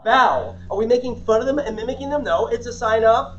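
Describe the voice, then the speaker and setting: A man giving a live sales seminar. His voice swings up and down with lots of inflection, and he keeps asking the audience questions. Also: fairly quick. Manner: highly inflected, animated delivery. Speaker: sales communication trainer. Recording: distant mic, dull muffled sound.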